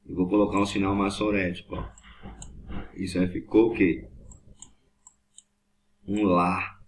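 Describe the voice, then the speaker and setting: A man with a low voice and flat delivery teaches a Hebrew class at a board, speaking at a measured pace. He patiently repeats each point and often checks whether students understand, with slight background noise in the recording.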